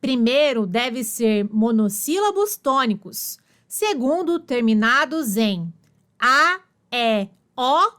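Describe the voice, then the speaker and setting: Brief: woman narrator, high voice, unhurried list-like dictation of study notes. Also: a bit bright. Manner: slow, list-like dictation of rules and examples. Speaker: exam prep narrator. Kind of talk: reading study notes aloud.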